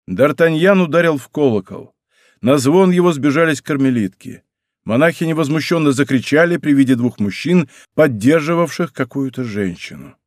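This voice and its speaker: Guy reading an audiobook, steady and dramatic, dry studio sound. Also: medium pitch, no room sound. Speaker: audiobook narrator. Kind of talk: scripted narration. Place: recording studio.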